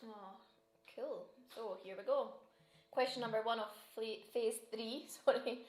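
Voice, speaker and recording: A woman's voice: on the high side, measured pace. A Scottish woman hosting a casual quiz, reading each question twice and laughing often. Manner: giggly, chatty, reads questions twice. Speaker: quiz host. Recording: roomy echo.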